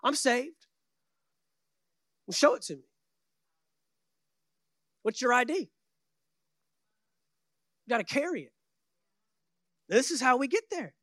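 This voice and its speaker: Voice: sits high, very animated, measured pace, long pauses, a bit bright, no echo, studio quality. A preacher delivering a sermon to a congregation in an exhorting, emphatic and conversational way, repeating phrases for weight.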